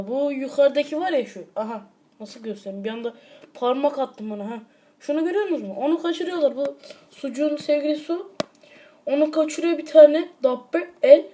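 A woman giving rambling, excitable commentary on a mobile game, breaking into frustrated outbursts, recorded on a tablet microphone. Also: on the high side. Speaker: mobile game let's player. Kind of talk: casual gameplay commentary. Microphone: tablet mic, screen-recorded.

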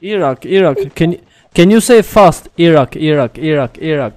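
A young man, streaming a game, loud and teasing as he jokes with strangers over voice chat, recorded on a studio mic in a small room. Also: a little high, lively intonation, moderate pace. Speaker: gaming streamer. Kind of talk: live gameplay banter over voice chat. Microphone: studio mic on arm, headset.

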